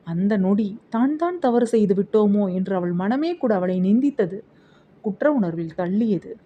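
Expressive female audiobook narrator. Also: fairly high pitch, muffled recording. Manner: expressive storytelling, dramatic. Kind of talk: scripted novel narration.

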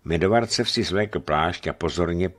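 A man narrating a novel as a radio reading, with steady, expressive storytelling. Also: sits low.

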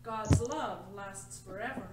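Distant woman reading a slow refrain. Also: medium pitch. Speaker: reader of a refrain. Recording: distant, echoey, with a clear hum.

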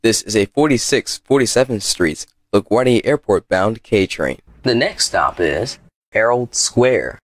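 Lively, slightly husky male subway announcer. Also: fairly low pitch, a little slow, no room sound. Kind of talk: scripted station announcements.

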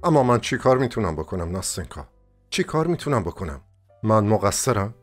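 A man's voice: on the low side, big pitch swings, faint music behind. A man voicing a lovesick young dreamer in an audiobook, urgent and impassioned.

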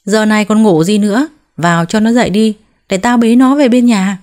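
A woman voicing a harsh, domineering older mother-in-law who talks loud and scolding, with a mellow tone. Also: medium pitch, moderate pace, natural voice.

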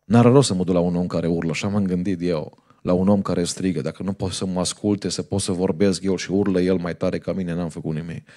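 A man's voice: low voice, steady tone, warm tone. A male pastor, preaching a fervent sermon in a church and telling a story to the congregation.

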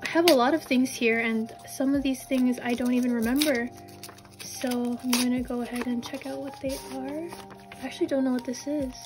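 A young woman vlogging a casual unboxing, often gasping and squealing with excitement. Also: high voice.

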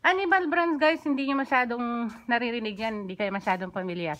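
A woman's voice: fairly high pitch, quick pace. A woman gives a chatty, upbeat walking tour of the shop where she works, pointing out items to her viewers. She records it on a handheld phone inside the store and its stockroom. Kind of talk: casual walking vlog.

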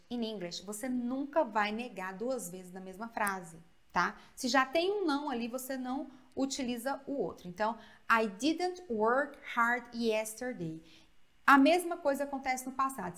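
A woman from Brazil teaching English grammar in a video lesson. Her voice sits a little high, and she keeps checking in with her students as she explains. She repeats the example sentences slowly and clearly.

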